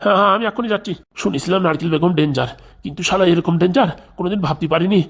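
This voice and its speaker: An actor plays a cowardly cartoon politician full of bluster. He stammers and rushes his words. The pitch stays ordinary. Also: husky. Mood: flustered. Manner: flustered, stammering. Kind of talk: comic cartoon dub.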